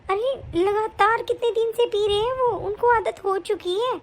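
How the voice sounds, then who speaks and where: A woman voicing a young wife in an animated story, worried and pleading with her mother-in-law. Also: very high voice, normal speed. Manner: pleading, complaining.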